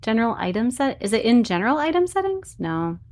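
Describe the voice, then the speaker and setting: Lively, swooping woman streamer. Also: on the high side, a little fast. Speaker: game streamer. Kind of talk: casual live-stream chat and game commentary.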